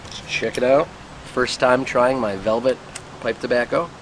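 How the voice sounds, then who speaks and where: A man giving a casual, unhurried review to camera outdoors, musing and trailing off as he puffs on a pipe. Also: medium pitch, fairly even intonation. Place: outdoors in the wind. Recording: noisy outdoor recording with wind and traffic.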